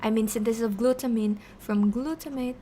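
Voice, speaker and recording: A woman giving a casual livestream science lesson while writing, halting and muttering corrections to herself. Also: a little high, steady tone, warm tone, slight background noise. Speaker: streamer teaching biochemistry.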